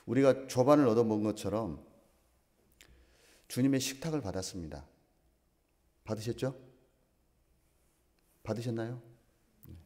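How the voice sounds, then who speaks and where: A male pastor preaching a sermon, slow and emphatic, asking the congregation questions. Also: mid-range voice, mellow. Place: church sanctuary. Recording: long reverb of a church hall.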